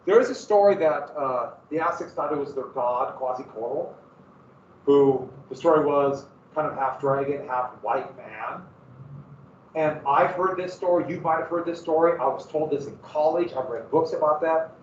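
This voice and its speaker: A Montana-accented man teaches a history class in a casual, rambling way, poking fun at himself along the way. His voice is on the high side at a normal speed. The audio has a little hiss or hum and sounds dull and echoey, as if recorded from far back in the room.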